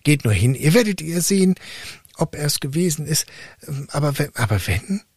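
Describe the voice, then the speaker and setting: A man's voice: fairly high pitch, very animated, moderate pace, a little mellow, breathy edge, no echo, clean studio sound, pitched above the performer's own voice, heavily acted. A man reading a fairy tale aloud, voicing a simple, fearless boy who speaks earnestly and boldly in a raised voice. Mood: protesting. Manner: earnest, naive and bold. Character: fearless, simple-minded young lad.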